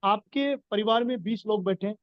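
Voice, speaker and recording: A man's voice: high voice, normal speed, no room sound, muffled recording. A man giving an earnest business coaching talk, explaining his points and repeating key phrases for emphasis. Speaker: business trainer.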